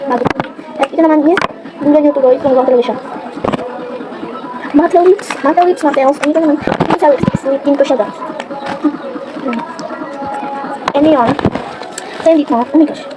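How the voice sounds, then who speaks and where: A woman's voice: high-pitched, normal speed, pauses often, a crowd in the background, noisy background. A woman with a Filipino accent, chatting casually while getting ready, rambling with lots of fillers. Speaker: vlogger. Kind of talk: casual get-ready-with-me chat.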